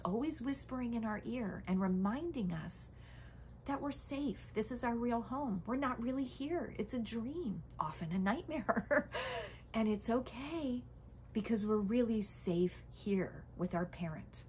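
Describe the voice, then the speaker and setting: Soft-spoken woman teaching, chatty check-ins. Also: fairly high pitch, animated, unhurried, slight background noise. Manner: conversational, frequent "okay?" and "right?" check-ins; drops to a soft whisper at times. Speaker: spiritual teacher. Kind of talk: casual spiritual teaching talk.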